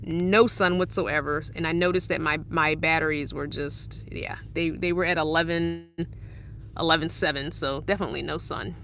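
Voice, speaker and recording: A woman's voice: sits low, steady tone, moderate pace, a bit bright, soft background music. A woman in her forties talking casually and cheerfully from inside her parked van during a live stream, laughing often as she answers viewers. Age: 40s. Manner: chatty and upbeat, laughs often. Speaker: van-life vlogger reading live chat.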